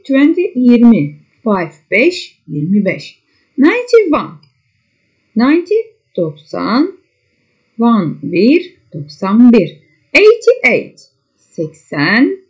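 A woman teacher working through a worksheet with children, step by step. She reads English words with a high lift, then gives their meaning, and keeps checking back with her pupils. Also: darkish tone. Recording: dull lo-fi sound.

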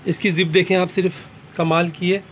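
A man's voice: sits high, flat delivery, normal speed. A man with a Karachi Urdu accent presenting a shopping vlog, eager and repeating prices back. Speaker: vlogger. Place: busy bag shop in a mall. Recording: shop noise behind.

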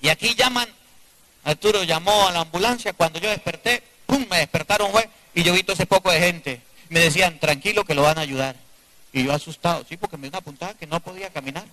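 Male priest, sermon to a live congregation; bright, forceful tone, drops to a hush between emphatic questions. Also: high voice, fast, low-quality recording. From Venezuela. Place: church before a live congregation.

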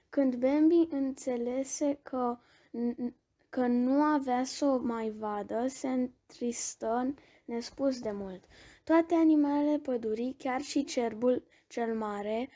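Gentle woman reading a bedtime story. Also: high-pitched. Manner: gentle, expressive, with small restarts.

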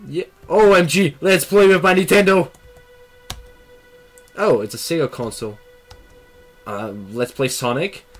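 Sitting at a computer in a small room, a young Austrian let's play host talks through a headset with excitable, reactive gaming commentary. His fairly high male voice bursts into quick swearing and laughter, and he reads the game text out loud as faint music plays behind him.

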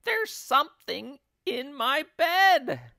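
A man voicing a nasty, spiteful old wife with a high, cackling, shrieking voice in a storybook reading. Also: huge pitch swings, slow, gravelly, sharp tone, no room sound, studio quality, heavily acted. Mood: panicked shrieking.

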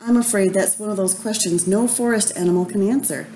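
Woman storyteller, mellow, gentle read-aloud pace. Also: medium pitch, slight background noise, low-quality recording. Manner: gentle, measured. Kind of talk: children's storybook reading.

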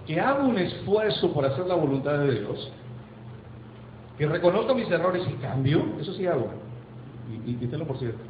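A man preaching as pastor, emphatic, asking rhetorical questions and slowing down for effect. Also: on the high side, big pitch swings, echoey room, highs cut off, a little hiss or hum. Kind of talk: sermon. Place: church sanctuary.

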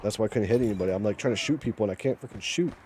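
A man live-streaming a mobile shooter, chatting casually and excitedly urging his viewers, often repeating himself. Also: on the low side, very fast, heavy background noise.

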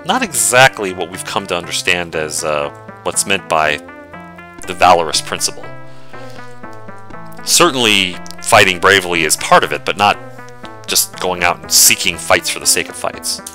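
Low-voiced man doing chatty game commentary. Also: expressive, moderate pace, pushed and bright, soft background music. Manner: thoughtful, chatty, frequent fillers. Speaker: let's play host.

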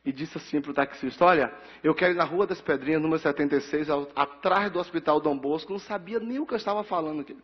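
A middle-aged man from Bahia with a Bahian accent, a pastor telling his life story in a ceremony speech and acting out the dialogue with lively energy. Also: a little high, fast, few pauses, husky. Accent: Bahian Portuguese. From Bahia, Brazil. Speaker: pastor receiving an honorary title. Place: large council chamber. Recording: dull sound with long hall reverb.

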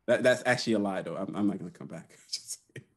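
A man's voice: lowish voice, quick pace, husky. Joking dude who grew up in haiti, teasing his cohosts on a podcast. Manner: joking, teasing, laughs often. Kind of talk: casual podcast banter.

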